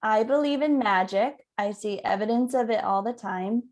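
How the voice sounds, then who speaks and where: A woman co-hosting a podcast, upbeat, reading announcements and quotes smoothly. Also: fairly high pitch, normal speed, a little mellow. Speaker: podcast co-host. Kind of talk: podcast chat and read announcement.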